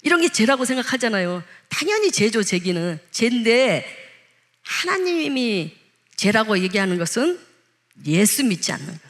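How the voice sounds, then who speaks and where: A woman's voice: fairly high pitch, very animated, moderate pace. Woman pastor preaching in a chatty way. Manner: conversational, asks the congregation questions; acts out quoted speech in changed voices. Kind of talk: sermon.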